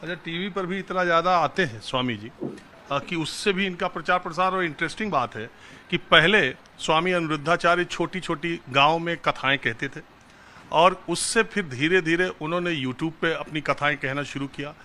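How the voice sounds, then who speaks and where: A male field reporter asking gentle questions and explaining the situation to camera in an on-location interview. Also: on the high side, moderate pace, a little hiss or hum.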